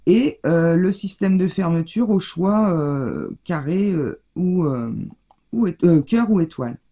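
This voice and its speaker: A woman's voice: fairly low pitch, very animated, measured pace, mellow. A woman with a French accent chatting casually in a scrapbooking haul video, hesitant and full of fillers and restarts, recorded indoors at home. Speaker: scrapbooking vlogger.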